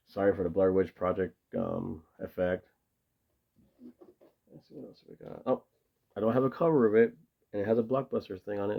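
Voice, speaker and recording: A video host shows off his tape collection, rambling casually to camera with enthusiasm and lots of fillers. His voice is low-pitched and the audio is dull.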